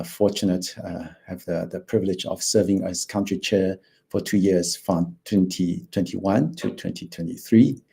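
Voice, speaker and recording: Over a video call, a financial planner in his fifties, originally from Taiwan, gives an online presentation. His low voice is soft and mellow yet gravelly and slightly rough. He hesitates often, filling the gaps with fillers and restarts.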